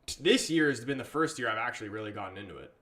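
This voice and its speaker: With an English accent, a livestream host from England chats through a football match on a casual stream and reads viewer comments aloud. He speaks at a racing pace in a mid-range voice with lively intonation and a slightly bright sound.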